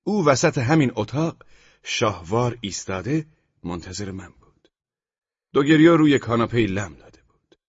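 Husky-voiced man reading a novel aloud. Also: mid-range voice, very animated, no room sound, lo-fi sound. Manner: measured storytelling, with the dialogue lines acted out loudly. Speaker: audiobook narrator. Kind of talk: scripted literary narration.

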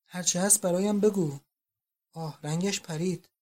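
A man's voice: high voice, a little mellow. A reader voicing a frail, doting old father in an audiobook, breaking into pleading, distraught outbursts. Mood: alarmed. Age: older. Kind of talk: audiobook reading.

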